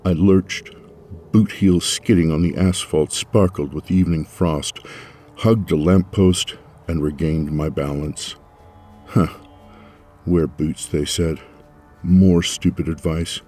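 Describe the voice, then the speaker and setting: Deep, husky male audiobook narrator. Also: steady tone, slow pace, mellow, soft background music. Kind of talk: scripted first-person novel narration.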